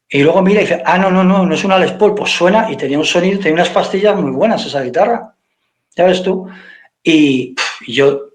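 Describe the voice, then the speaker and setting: A man, a guitarist guest telling anecdotes in an interview, acting out the quoted dialogue and swearing casually. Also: a little high. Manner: lively storyteller who acts out quoted dialogue. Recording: echoey room.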